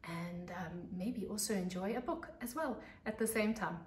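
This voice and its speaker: This is a pre-primary teacher from South Africa, in her thirties, giving a storytime-style reading of a children's book with expressive and deliberate emphasis in a mid-range voice. The echoey living room setting has her on a couch near large windows, with the camera's mic a couple of metres away.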